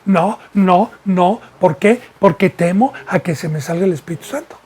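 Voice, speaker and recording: Male pastor, husky voice, teaching sermon full of rhetorical questions. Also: high-pitched, normal speed, darkish tone. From Mexico. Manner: preaching with repeated rhetorical questions.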